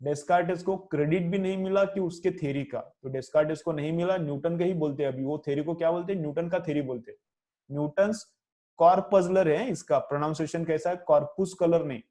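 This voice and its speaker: Male lecturer, slightly high, warm mellow voice, Indian English accent, quizzes the class and dictates notes. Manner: asks questions and answers them himself; repeats phrases slowly for dictation. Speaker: teacher.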